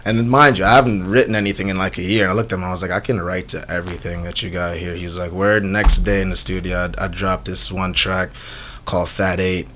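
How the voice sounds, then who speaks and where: A Jamaican man in his twenties talks fast in a low voice, casually answering questions as a rapper in a radio interview from a small studio. He tells animated, slang-heavy stories, often saying "you know what I'm saying." The studio microphone picks up slight background noise.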